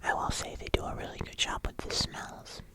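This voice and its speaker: The voice is a soft, fully whispered ASMR delivery, airy and unvoiced throughout. The host talks casually and a little hesitantly, as if chatting through a tasting video. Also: brisk. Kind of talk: whispered ASMR taste-test vlog.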